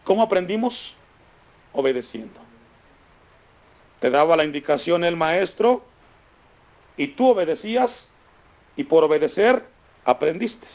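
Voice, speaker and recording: Fervent male pastor, fairly high voice. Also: very animated, unhurried, long pauses. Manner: emphatic preaching, repeating key phrases, drops low and soft for stress; raised, fervent pleading in prayer. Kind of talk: sermon with closing prayer. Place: church congregation.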